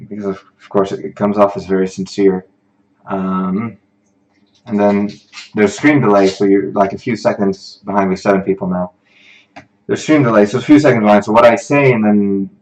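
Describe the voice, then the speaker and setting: A young man with a fairly low voice leads a live-streamed study session. He talks in a loose, casual way and pokes fun at himself. He sounds like a teaching assistant talking to students. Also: poor audio. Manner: casual, self-deprecating, livens up when addressing viewers.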